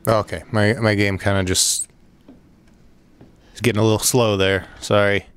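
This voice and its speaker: A man giving let's play commentary on a horror game, swearing a lot, rambling and breaking into excited outbursts. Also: on the low side, normal speed, clear, resonant tone, no room sound. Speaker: gaming video host.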